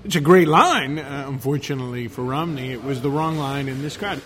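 A man recounting an anecdote animatedly in a cafe interview. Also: a little fast. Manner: animated, uses fillers. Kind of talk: casual storytelling. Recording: cafe recording with faint rumble.

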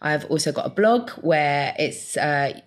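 A woman's voice: low-pitched, expressive, unhurried. A woman, explaining things in casual conversation as an interview guest. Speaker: interview guest, blogger and podcaster.

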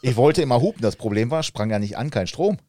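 A man in casual chat, telling a story about his apprentice days with animated delivery. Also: medium pitch, quick pace. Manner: animated storyteller, lively intonation.

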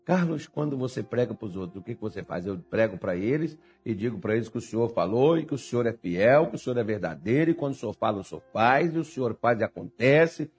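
Husky-voiced male pastor preaching. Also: medium pitch, animated, fast, few pauses, faint music behind. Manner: swings from hushed storytelling to loud emphatic preaching. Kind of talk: sermon.

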